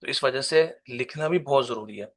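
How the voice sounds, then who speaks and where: A man teaching a recorded Arabic lesson, reading each word slowly and carefully and then explaining it in another language, patient and step by step. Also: mid-range voice, a bit bright. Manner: reads Arabic words slowly, then explains them in Urdu.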